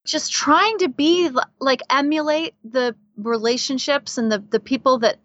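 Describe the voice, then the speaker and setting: A woman guest talking in a casual interview, animated, laughing often and leaning on filler words. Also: sits high, unhurried, no echo, muffled recording. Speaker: guest coach.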